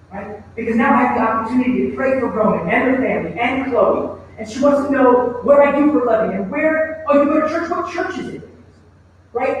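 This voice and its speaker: Male pastor, storytelling sermon, high voice, booming hall echo. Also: a little hiss or hum. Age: adult with a child. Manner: storytelling, acts out quoted voices. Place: church sanctuary. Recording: echoey church hall from far off.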